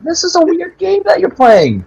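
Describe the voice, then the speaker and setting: A man's voice: very high-pitched, wildly swooping pitch, normal speed, creaky, dull audio, music in the background. A man playing a tabletop game, improvising in character with hesitant, repetitive complaints. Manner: hesitant, complaining, repeats himself. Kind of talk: improvised role-play chat.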